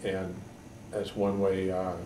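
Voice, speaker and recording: A man in his sixties from Connecticut, a political candidate giving halting, measured answers in an editorial board interview. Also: deep voice, monotone. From Connecticut, USA. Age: 60s. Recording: echoey room, mic far off, background noise.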